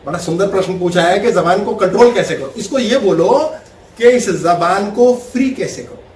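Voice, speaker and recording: A man giving a spiritual talk with questions from listeners, lively and laughing as he acts out everyday scenes. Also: high voice, normal speed, reverberant, distant mic, a little hiss or hum. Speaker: spiritual teacher.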